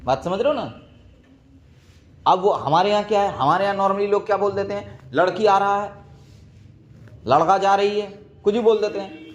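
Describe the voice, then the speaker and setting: Joking Bihari teacher with a high voice. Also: male voice, moderate pace, pauses often. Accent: Bihari Hindi. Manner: joking, storytelling, asks students if they follow. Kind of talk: chatty classroom digression. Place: classroom. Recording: muffled lo-fi recording.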